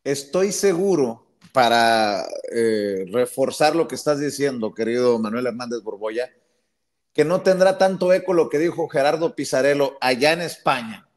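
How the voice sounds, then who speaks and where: A man's voice: medium pitch, lively intonation, moderate pace. A man with a Mexican accent hosting a political talk show, addressing his guest in a mocking, sarcastic way. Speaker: host.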